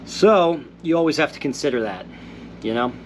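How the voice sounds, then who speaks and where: Here the Q&A host sounds fairly high and expressive, speaking at a normal speed over slight background noise. He's a man still a little stuffed up after an illness, reading viewer comments and responding in a relaxed, considered way.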